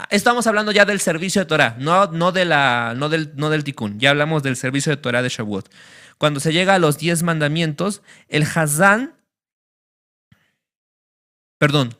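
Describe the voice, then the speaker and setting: A man teaches a class, his voice bright and fairly high for a man. He explains things step by step, pausing on fillers and checking that everyone is following. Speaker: religious teacher.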